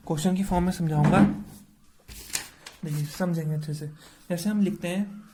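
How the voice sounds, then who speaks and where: A man's voice: high voice, fairly even intonation, a little fast, heavy background noise. A man teaching a chemistry lesson, asking questions and answering them himself.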